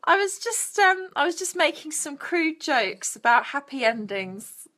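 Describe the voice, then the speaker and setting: Young British woman live-streaming, high bright voice, chatty and crude, unhurried. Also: sing-song. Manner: bubbly, crude jokey asides. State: out of breath. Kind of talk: casual live stream chat greeting viewers.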